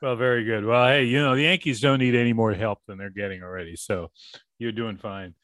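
A man from Boston hosting an interview, asking long, halting questions full of restarts. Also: fairly low pitch, steady tone, fairly bright tone, dry recording. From Boston, USA. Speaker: radio host.

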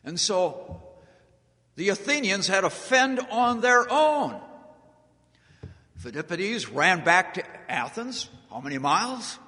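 An American man telling history as a public speaker, deliberate and dramatic, with emphatic pauses. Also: sits high, very animated, pushed and bright. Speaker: speaker giving a historical talk to an audience. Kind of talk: public storytelling speech on history. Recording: echoey hall with long reverb.

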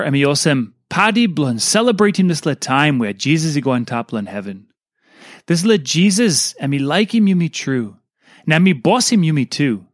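A man with a Papua New Guinean accent reads a scripted devotional in Pidgin, in short measured phrases. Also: a little high, no room sound, clean studio sound. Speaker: devotional reader.

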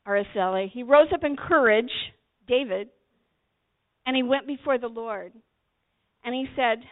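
A woman preaching a sermon, retelling a Bible story in an animated way, acting out quotes and talking directly to her listeners. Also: medium pitch. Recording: tinny phone-like audio.

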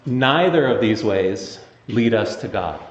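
A man preaching a sermon as pastor, conversational and animated in his storytelling. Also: lowish voice, takes it slowly, echoey room, long reverb tail, lo-fi sound, slight background noise.

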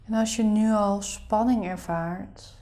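A woman leading a guided meditation in a soft, breathy, soothing half-whisper. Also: mid-range voice, steady tone, takes it slowly.

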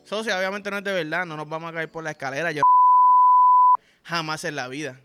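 A man's voice: on the high side, steady tone, brisk, loud music behind the voice. A Puerto Rican man hosting a podcast, telling a crude, profane, rambling story in slang-heavy casual talk. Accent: Puerto Rican Spanish. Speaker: podcast host.

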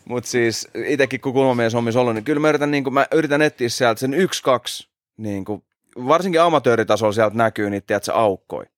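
A man, a fighter, co-hosting a casual podcast, opinionated and relaxed, dropping in English phrases. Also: medium pitch, dry recording, studio quality. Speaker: podcast co-host and MMA fighter.

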